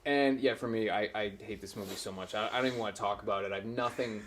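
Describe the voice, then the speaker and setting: A man's voice: lowish voice, fast, a bit bright, slight background noise. A man hosting a casual movie review podcast, stammering and restarting, sounding exasperated. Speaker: podcast host.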